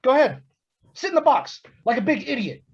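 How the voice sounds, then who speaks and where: A man reading a wild, playful male imaginary friend in an online play reading, his voice husky and lively. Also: very high-pitched, a little fast, exaggerated voice. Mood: defiant. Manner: lively, swings from playful to desperate. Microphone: video call. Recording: dull lo-fi video call audio.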